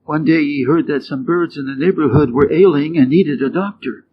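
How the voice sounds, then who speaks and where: An English teacher from Wisconsin, a man with an American Midwestern accent and a slightly high voice, reads stories slowly and clearly. His scripted storybook reading for learners is deliberate, with a rising quiz intonation on answer choices, captured in dull, lo-fi audio with faint noise.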